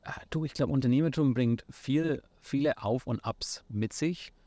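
With a warm, medium-pitched voice at a moderate pace, this thirty-something founder from near Nuremberg chats in a casual interview, his Franconian German accent clear. He hesitates a lot, restarting and using fillers while slipping in English words, and the recording is dry.

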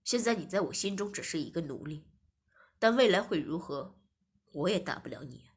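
A cold, domineering master, voiced by a woman reading an audio story gives orders in a low, husky voice. The delivery is clipped and commanding, flat with scorn. It sits noticeably below the storyteller's own speaking pitch. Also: moderate pace, full character voice. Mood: stern.

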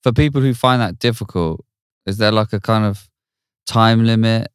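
Deep-voiced man asking casual questions. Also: normal speed, clean tone, no room sound, studio quality. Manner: casual, curious questioning with fillers. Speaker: music producer, co-host. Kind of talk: podcast conversation.

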